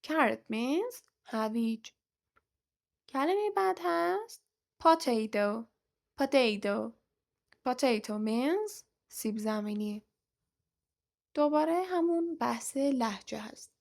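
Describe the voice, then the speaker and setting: Young woman, English vocabulary teacher, fairly high voice, slow careful word drills, quick asides. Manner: says each English word slowly and clearly, then repeats it; explains quickly in between. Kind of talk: vocabulary lesson, teaching words aloud.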